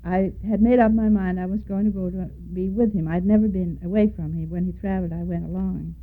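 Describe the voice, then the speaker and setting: Recalling her life for an oral history project, an older Danish-accented woman from Denmark talks at a fairly quick clip in a steady, fairly low voice and spells names letter by letter. It was captured on tinny, lo-fi tape resembling a phone call.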